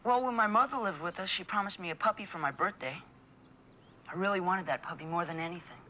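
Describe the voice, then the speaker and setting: A glum, wry boy in a seventies TV drama. The voice is bright and plain-spoken, with faint noise behind it. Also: high-pitched, fast. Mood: sad, wistful. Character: downcast, wry boy who misses his mother. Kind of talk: 1970s TV drama acting.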